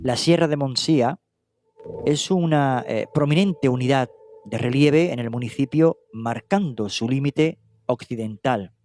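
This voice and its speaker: Music plays beneath a documentary-style true-crime narration by a Spanish man who is not from Catalonia. His voice sits in the mid range, unhurried and somewhat dark in tone, and his steady reading includes small hesitations and self-corrections.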